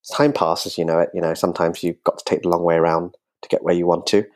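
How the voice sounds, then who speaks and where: A man talking casually as a podcast guest, chatty and quick to laugh. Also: low voice, little pitch movement, darkish tone. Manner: chatty, laughs easily, jokes about his sultry podcast voice. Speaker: podcast guest, magazine co-founder. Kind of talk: casual interview talk.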